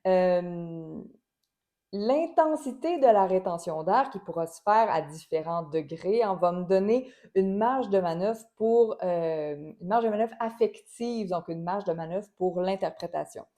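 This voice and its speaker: A woman giving a spoken voice lesson, explaining calmly and demonstrating syllables and sounds aloud. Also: lowish voice, measured pace. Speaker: voice and singing teacher.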